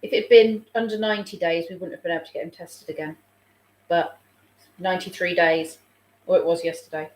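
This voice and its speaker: An English childminder chats casually on a live stream from a room at home, reading out viewer comments. Her voice is lowish, darkish and fairly even, and she talks a little fast. She's a bit snuffly as a sore throat comes on, and her phone picks up a roomy echo.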